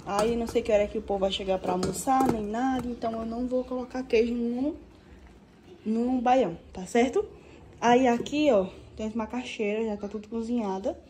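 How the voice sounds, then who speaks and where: A woman's voice: a little high, steady tone, normal speed, warm tone, a little hiss or hum. A young woman from Brazil, chatting casually to viewers while cooking lunch in her home kitchen, filmed on a phone at arm's length. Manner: chatty, addresses viewers as "gente". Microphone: phone held at arm's length.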